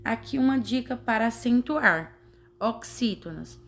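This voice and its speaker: A woman teacher, explaining a grammar lesson slowly and carefully, sounding out syllables. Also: on the high side, expressive. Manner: slow, carefully spelling out syllables. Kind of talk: slow classroom explanation.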